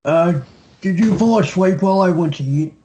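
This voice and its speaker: A man chatting casually on a group call, animated and halting, with drawn-out phrases. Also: high-pitched, low-quality recording.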